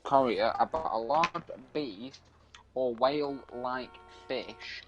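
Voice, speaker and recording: A man of middling pitch reads a spooky article aloud, tripping over words and restarting sentences. He breaks off now and then to react to the video game he is playing. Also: dull audio, background noise. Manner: halting reading with frequent stumbles and restarts. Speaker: podcast co-host. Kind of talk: reading urban legends aloud while playing a video game.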